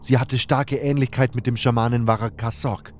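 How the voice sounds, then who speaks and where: A man's voice: mid-range voice, steady tone, normal speed, a little mellow, slight background noise. A man reading a scripted first-person fantasy story as its narrator.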